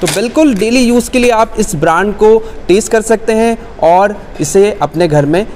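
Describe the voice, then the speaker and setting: A man's voice: sits high, moderate pace, darkish tone, in a large hall, slight background noise. A young man hosting a promotional vlog, upbeat and salesy, talking to viewers as friends in a large warehouse. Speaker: vlogger host.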